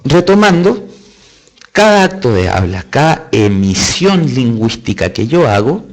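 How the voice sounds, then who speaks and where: A test-prep teacher with a Chilean Spanish accent runs a live online lesson, going step by step with emphatic stresses and chatty asides. His mid-range voice is very animated and a little slow.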